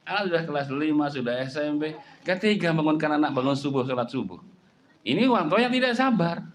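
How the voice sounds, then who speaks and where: A man's voice: expressive, brisk, slight background noise. Man preaching a sermon. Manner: conversational, frequent filler "ya", voice jumps high and loud when stressing a point. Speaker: Islamic preacher.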